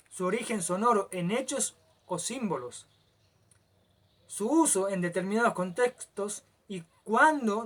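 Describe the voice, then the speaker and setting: A man, teaching a lecture and often stopping to check that the listener follows, stretching some words out slowly. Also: high-pitched, a bit bright.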